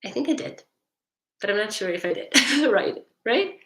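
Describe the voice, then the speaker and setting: A woman's voice: fairly high pitch, animated, moderate pace, echoey room, noisy background. A woman hypnotherapist talking on a live stream and answering viewers' chat, who often ends sentences with "right?" and restarts her phrases.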